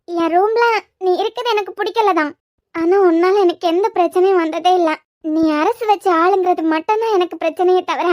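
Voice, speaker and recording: A woman's voice: very high voice, dry recording, clean studio sound. A woman voicing an earnest, scolding young woman in a cartoon series, with a Kanyakumari Tamil accent. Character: young woman, scolding yet tender roommate. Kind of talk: cartoon web series voice acting.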